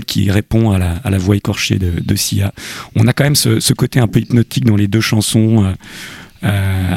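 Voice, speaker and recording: A man's voice: lowish voice, gravelly, a little mellow, husky, dry recording. A man chatting casually on a radio show as a guest, presenting a music pick with many hesitations and fillers.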